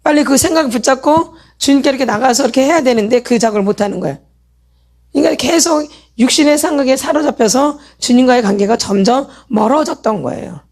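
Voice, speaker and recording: A woman's voice: high voice, a little fast, a little mellow. A middle-aged woman leading a church healing meeting who keeps asking the audience questions and answering them herself. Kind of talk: sermon lecture with call-and-response questions.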